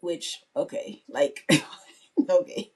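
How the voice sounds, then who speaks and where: A woman in her thirties co-hosts a podcast, chatting casually and telling stories while laughing often. Her voice has a dark tone and she speaks very slowly.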